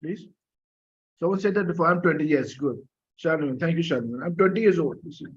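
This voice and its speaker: A man's voice: a little high, quick pace, breathy edge, muffled recording. A man teaching an online French class, patiently coaxing students for answers, with many fillers and coughs. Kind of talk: live online class lecture.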